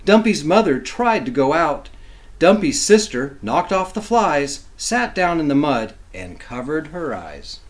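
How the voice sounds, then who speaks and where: With a slightly high voice and a measured pace, a man acts as a teacher reading a children's story aloud. He gives it lots of expression and drops in simple explanations for young ears.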